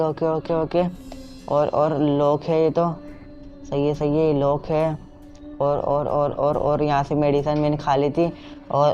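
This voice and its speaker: A man's voice: fairly high pitch, a little mellow. A young man commenting on a horror game as he plays, jumpy and full of repeated fillers and startled outbursts. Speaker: gameplay streamer. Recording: dull lo-fi sound with game music.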